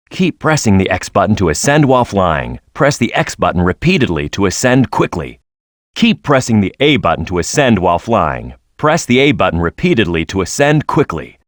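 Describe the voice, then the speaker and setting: A man's voice: fairly low pitch, no room sound, studio quality. A man voicing a tough, cocky, hot-headed young echidna fighter in a video game, with a brash, punchy, confident delivery. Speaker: playable video game character.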